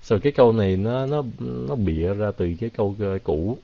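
A man teaching English in a casual live Q&A, mixing Vietnamese and English and drawing words out slowly. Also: lowish voice, lively intonation, vocal fry. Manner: drawn-out, slow pronunciation of English words. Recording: dull, lo-fi, dry.

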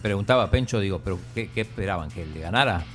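Low-voiced man in casual sports chat. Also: lively intonation, fast talker, loud music behind the voice. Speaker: show panelist.

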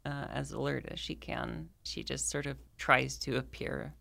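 Very creaky-voiced man playing a tabletop game. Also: medium pitch, fairly even intonation, a little slow, sharp tone. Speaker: player. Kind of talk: casual tabletop game chat.

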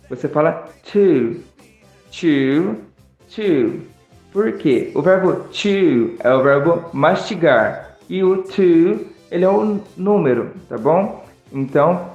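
A man with a Brazilian Portuguese accent teaching an online English lesson in a friendly way, drilling words slowly. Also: a little high, reverberant.

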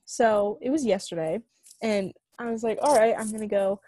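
A young woman co-hosting a podcast, telling a long story in casual chat, full of fillers and animated retellings. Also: medium pitch, moderate pace, no echo. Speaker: podcast co-host.

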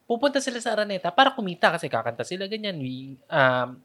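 Filipina co-host, low-pitched, casual and chatty, mixes in English. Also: female voice, sing-song, fast talker, a bit bright. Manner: chatty, asks questions, eats chips while talking. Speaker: podcast co-host. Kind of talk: casual chat.

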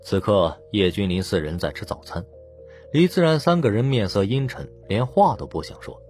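A male audiobook narrator with a low voice that moves expressively across its range. He tells the story steadily, with faint music behind him. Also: moderate pace. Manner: steady storytelling, voicing the lead plainly.

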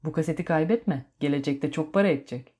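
A woman voicing an older man who is a hurried, bossy time traveler, barking urgent orders. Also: low-pitched, mellow, natural voice. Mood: lecturing.

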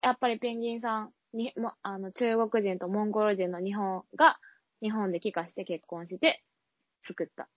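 A woman's voice: mid-range voice, steady tone, normal speed, dry recording. A young woman co-hosting a casual chat show, giggling often and stumbling over sounds when she imitates them. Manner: giggly, stammers while mimicking sounds. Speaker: podcast co-host. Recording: dull lo-fi recording.

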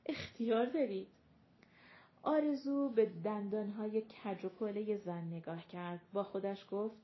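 A woman narrating a novel as an audiobook in a steady, measured reading. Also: medium pitch. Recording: dull lo-fi audio.

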